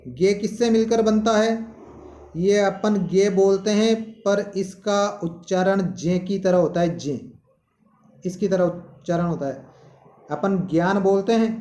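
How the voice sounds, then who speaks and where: A male teacher, explaining a lesson slowly and posing questions to students. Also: high-pitched, mellow, reverberant. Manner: slow, explanatory, asks questions. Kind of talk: classroom-style lesson.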